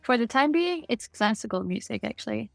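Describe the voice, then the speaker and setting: A woman's voice: on the high side, lively intonation, a little fast, gravelly, no room sound, faint music behind. A middle-aged woman from Norway with a Norwegian accent, answering interview questions in a candid, upbeat way over a remote call. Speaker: guest.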